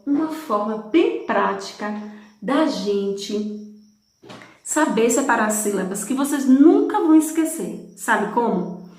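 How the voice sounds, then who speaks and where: A woman teaching a recorded lesson to young children, patient and sing-song, spelling out syllables and answering her own questions. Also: high-pitched. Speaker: primary school teacher. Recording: very echoey room.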